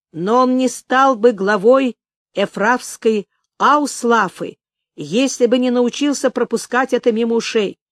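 A woman narrating a novel as an audiobook, in a measured, expressive reading. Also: on the high side, no room sound, studio quality. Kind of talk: scripted narration.

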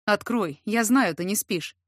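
A woman voicing a brash, feverish young man who talks in a hoarse, teasing, insistent way. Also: medium pitch, measured pace, dry recording, studio quality, natural voice. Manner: hoarse, at times whispering.

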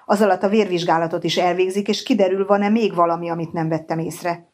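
A woman reading the lines of a calm, matter-of-fact male doctor in an audiobook. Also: fairly low pitch, natural voice. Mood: reassuring.

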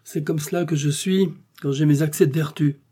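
A man voicing a sarcastic, blunt young gentleman in an audiobook, speaking with mocking emphasis. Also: on the high side, steady tone, brisk, voice pushed up, natural voice. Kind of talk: audiobook character reading.

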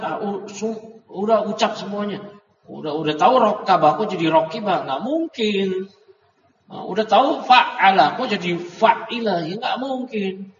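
A religious teacher with a high voice leads a classroom grammar lesson, translating a text phrase by phrase and correcting his students, often saying "ya" and "nah." He is picked up from afar in a dull, echoey hall with slight background noise.

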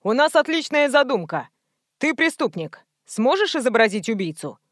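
Audiobook: a woman doing a brusque male film director, curt and commanding, rather high voice. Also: big pitch swings, moderate pace, no room sound, clean studio sound. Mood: bossy. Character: rude bossy male low-budget film director.

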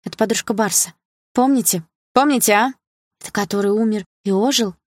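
A woman voicing a teenage schoolgirl, a bully's sidekick, talking in an excited, insistent way. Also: mid-range voice, fairly quick, husky, no echo, studio quality.

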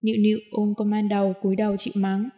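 A woman narrating a novel as an audiobook reader, reading in a steady, even way. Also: mid-range voice, fast, highs cut off. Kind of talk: scripted narration.

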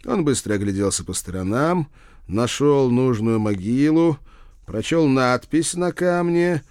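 A man reading a first-person story aloud in a wry, expressive storytelling manner. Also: mid-range voice, measured pace, clean tone, dry recording, studio quality. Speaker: audiobook reader. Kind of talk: first-person audiobook narration.

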